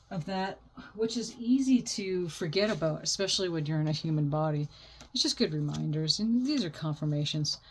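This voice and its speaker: Low-pitched woman, fortune teller card reading. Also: a little hiss or hum. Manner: reassuring, spiritual affirmations. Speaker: oracle card reader.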